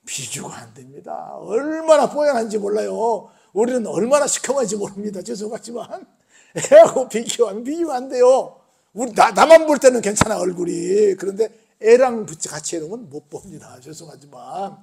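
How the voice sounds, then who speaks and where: A man's voice: sits high, animated, normal speed, vocal fry, darkish tone, breathy edge. A male pastor preaching a sermon, telling the story in everyday words and often putting questions to the congregation. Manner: keeps asking the congregation rhetorical questions; colloquial storytelling.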